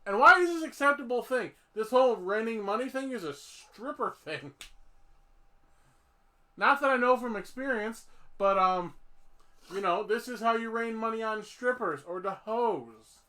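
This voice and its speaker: High, bright-voiced joking man. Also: animated, a little slow. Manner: joking, rambling, laughs often. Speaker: podcast host. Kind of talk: casual comedic chat.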